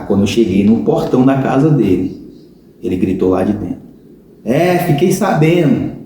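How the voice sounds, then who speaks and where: A podcast guest tells his conversion testimony with earnest storytelling, his Brazilian Portuguese accent clear and "cara" directed at the listener again and again. He has a lowish, dark voice over slight background noise, recorded in a very echoey room.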